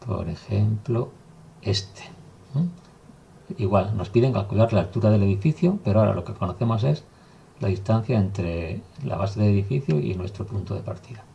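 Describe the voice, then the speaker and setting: Low gravelly male teacher. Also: moderate pace, muffled recording, slight background noise. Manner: calm, step-by-step explaining while writing. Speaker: math teacher. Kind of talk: recorded math lesson.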